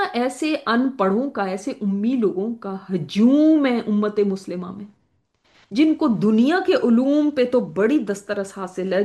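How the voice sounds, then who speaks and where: Woman teaching a religious lesson. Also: medium pitch. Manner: explanatory, builds points with worked examples and rhetorical questions. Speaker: Quran teacher. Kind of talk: religious lecture.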